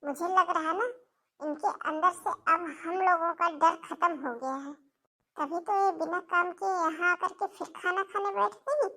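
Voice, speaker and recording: A woman's voice: extremely high pitch, a little slow, sharp tone, heavily acted. A woman voicing a cruel, scheming sister-in-law in a cartoon, speaking in a taunting, spiteful way. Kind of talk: cartoon voice acting.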